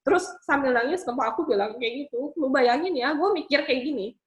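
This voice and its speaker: A woman in her twenties from Bangka tells her own story in a high voice. She speaks with emotion and often stops on fillers. The room around her has a noticeable echo. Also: lo-fi sound. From Bangka, Indonesia. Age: 20s. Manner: emotional, halting with many fillers. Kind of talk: personal testimony talk.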